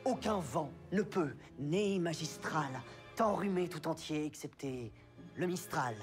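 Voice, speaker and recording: A man's voice: a little high, unhurried, over music, close to an everyday voice. An actor playing a nervous, eager young poet in a period film, hesitant and declaiming as he improvises. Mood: improvising, declaiming. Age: young adult. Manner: hesitant, groping for words, then declaiming verse.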